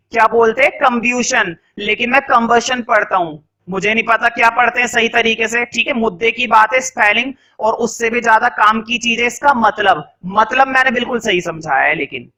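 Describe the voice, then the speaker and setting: High-pitched bright Indian male teacher. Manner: asks questions and answers them himself; dictates notes slowly, word by word. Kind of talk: classroom lecture with dictation.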